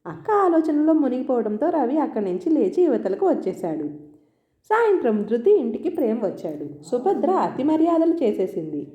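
A woman with a fairly high, dark, mellow voice reads a story aloud in an even, measured way, her pitch rising and falling a lot. The sound is roomy and dull, like a lo-fi recording. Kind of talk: scripted story narration.

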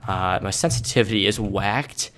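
An eighteen-year-old man quietly commentating a game late at night in his bedroom, calling viewers "boys" and "dude". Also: on the low side, normal speed. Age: 18, young adult. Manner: hushed and casual, calls viewers "boys" and "dude". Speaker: gaming YouTuber. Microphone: desk microphone turned up.

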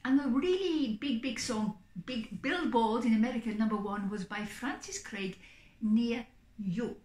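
This middle-aged woman, a singing psychic who hosts her own vlog, chats to camera with expressive theatricality from a sofa indoors. Her voice is fairly high and a little mellow, and she keeps a measured pace. The small room gives an echo.

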